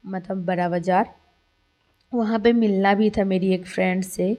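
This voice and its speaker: A young vlogger from Kolkata, India, narrates her family vlog in a casual voice-over. She rambles chattily with plenty of fillers, her low, mellow voice delivered flat and even.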